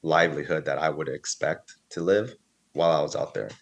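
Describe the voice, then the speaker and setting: A man's voice: a bass voice, a little fast. A man in his early thirties, a podcast guest telling his story in a casual, rambling way, full of fillers and quoted dialogue. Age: 30s.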